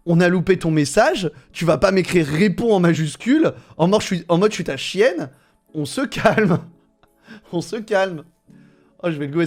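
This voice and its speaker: A high-voiced man with a French accent streams live, mocking and bluntly judging his chat in casual, crude language.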